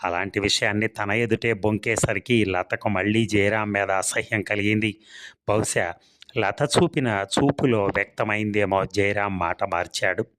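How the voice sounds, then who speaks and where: A man reading a storybook serial in steady, scripted narration. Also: lowish voice, measured pace, no room sound.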